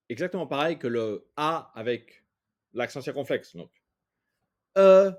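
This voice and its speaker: Lively-voiced male language teacher. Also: medium pitch. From France. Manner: patient, sounds out each vowel slowly and repeats it. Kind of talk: explaining pronunciation in a lesson.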